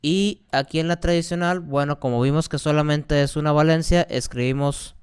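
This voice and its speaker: A man's voice: on the high side, steady tone, moderate pace, smooth. A man, a chemistry teacher patiently explaining exercises step by step and asking rhetorical questions. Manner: patient, repeats key points, asks rhetorical questions.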